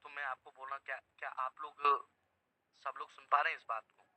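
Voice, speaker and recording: A man's voice: medium pitch, little pitch movement, fairly quick, sharp tone, dry recording, low-quality recording. A man preaching a sermon to an online house church over a video call, emphatic, repeating phrases and quizzing his listeners.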